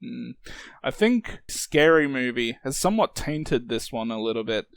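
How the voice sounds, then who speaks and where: A man's voice: big pitch swings, normal speed, creaky, smooth. A man co-hosting a casual podcast about movies, laughing often and restarting his sentences. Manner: laughs often, restarts sentences, quotes lines in high put-on voices. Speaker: podcast co-host.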